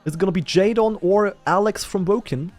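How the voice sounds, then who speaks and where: A man hamming up a British sports caster with a deliberately fake accent. The voice sits high and the words come slow and stretched, like a parody of a hype announcer. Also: a little mellow, soft background music, close to an everyday voice. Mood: hyping.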